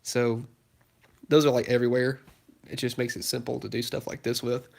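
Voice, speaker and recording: Holding his phone to film, a young man answers chat questions on a casual live stream from his messy garage, where a project car sits. He speaks at a moderate pace in a gravelly, medium-pitched, flat voice that's congested and giving out, and he keeps rambling, using fillers and starting over.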